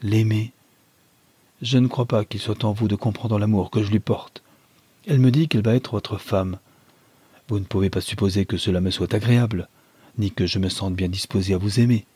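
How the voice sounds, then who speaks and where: A man reading the part of a blunt, hot-tempered young countryman, curt and angry, with a husky low voice. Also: moderate pace, dark tone, no room sound.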